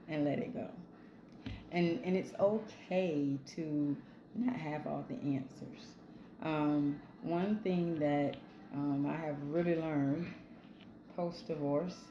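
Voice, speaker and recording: Woman, low voice, chatty motivational talk, echoey room with background hum. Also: highs cut off. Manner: conversational, frequent "right?" and "um". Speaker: self-help channel host. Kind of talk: casual motivational talk to camera.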